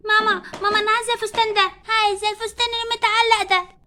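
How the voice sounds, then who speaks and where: A woman's voice: very high-pitched, level tone, racing, sharp tone, slight background noise. A woman voicing a whiny little daughter doll with an Egyptian Arabic accent, begging her mother.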